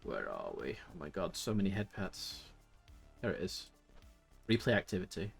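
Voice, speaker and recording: A man's voice: low voice, big pitch swings, moderate pace, vocal fry, breathy edge, faint music behind. A man chatting casually on a live stream, rambling and laughing often.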